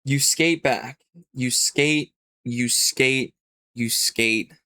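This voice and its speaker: A man narrating as game master, describing scenes slowly with some ums. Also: mid-range voice, sharp tone, no echo, studio quality.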